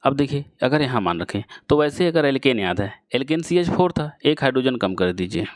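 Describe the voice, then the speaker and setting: A man teaching a chemistry lesson to students, explaining slowly and repeating key phrases as he addresses the class directly. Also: mid-range voice, animated, dry recording, clean studio sound. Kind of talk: classroom lecture.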